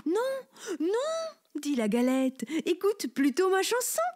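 A woman's voice: high-pitched, animated, unhurried, a little mellow, pitched above the performer's own voice. A woman voicing a small, proud runaway pancake that sings a teasing chant in a storybook tale. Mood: singsong teasing.

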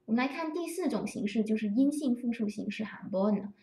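A woman teaching French grammar to Chinese-speaking learners, patiently explaining and slowly repeating example phrases. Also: fairly high pitch, lively intonation, dark tone. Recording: roomy echo, distant from the mic.

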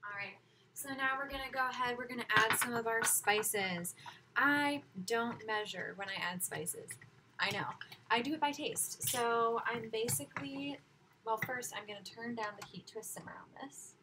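An upbeat young woman talks through a recipe in a small home kitchen, her voice sitting a bit high. She drifts toward and away from the webcam as she works. Clanking pots and clicks are loud under her voice. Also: normal speed. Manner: chatty and upbeat, moving around while cooking. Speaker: cooking instructor. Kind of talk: casual cooking demonstration. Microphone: laptop webcam at a distance. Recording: loud cooking noise and clicks.

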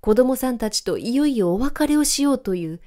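A woman voicing a dignified female spirit of light, measured and reproving, in a storybook reading. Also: a little high, expressive, mellow, voice pushed up, lightly acted. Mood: stern.

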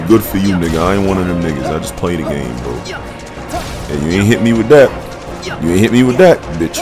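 A man doing casual let's play commentary, swearing freely in slangy, mock-exasperated rants. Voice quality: deep voice. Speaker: gamer commenting over gameplay. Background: game music and dialogue.

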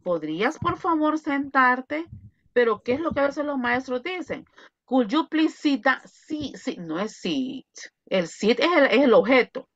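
A woman English teacher giving an online pronunciation class, slowly drilling and repeating words over a video call. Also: high-pitched, big pitch swings, fairly bright tone, no echo, highs cut off.

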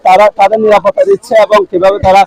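A male field reporter speaks in a high voice with a Chattogram Bangladeshi accent. His delivery is quick and eager, yet halting, with repeated words as he presents and asks questions on location. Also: monotone, a loud crowd, rough recording. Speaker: reporter for a local online channel. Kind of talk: on-location market report with interviews. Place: outdoor cattle market.

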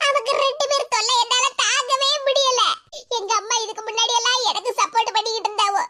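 A woman's voice: fairly even intonation, quick pace, pushed and bright. A woman voicing a sulky, jealous young married woman in a cartoon, complaining in a Tirunelveli Tamil accent. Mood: whiny. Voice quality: high and squeaky. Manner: whiny, complaining.

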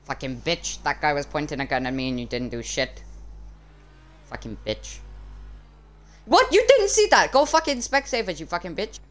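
Man putting on a hot-tempered Arabic-accented driver, swooping pitch. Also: animated, moderate pace, a bit bright. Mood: indignant. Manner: foul-mouthed, confrontational. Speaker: gamer. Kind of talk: improvised online game role-play. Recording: noisy game audio with vehicle sounds.

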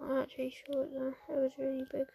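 High, creaky-voiced woman gamer. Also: completely flat delivery, quick pace, dark tone, slight background noise. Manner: chatty, jokey, talks to viewers. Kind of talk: playful gameplay commentary.

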